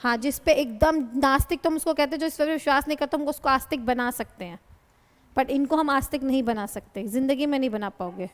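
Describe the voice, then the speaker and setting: High-voiced woman teaching Hindi grammar. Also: a little fast. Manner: patient, addresses students as "beta", explains by asking questions. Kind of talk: classroom lecture. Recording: long hall reverb.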